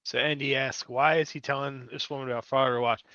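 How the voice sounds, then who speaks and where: A man's voice: mid-range voice, steady tone, quick pace, bright, forceful tone, no room sound, highs cut off. A man hosting a live stream, reacting to a clip in a casual, blunt, profane way. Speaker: live stream commentary host.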